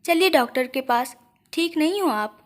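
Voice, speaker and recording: A woman voicing a calm but firm young husband in an audio story, speaking patiently and gently sternly. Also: high-pitched, normal speed. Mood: firm, caring.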